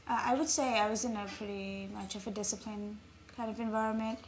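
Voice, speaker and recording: A woman's voice: medium pitch, fairly even intonation, a little fast. A young woman from Nepal, talking reflectively as an interview guest, with frequent ums. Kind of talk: casual interview. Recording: faint background noise.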